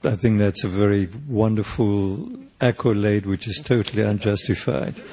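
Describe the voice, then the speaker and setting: An Afrikaans-speaking older man from South Africa, interviewed as a poet and painter, responds with thought and hesitation, frequently restarting. His South African-accented voice is on the low side and mellow, with fairly even intonation.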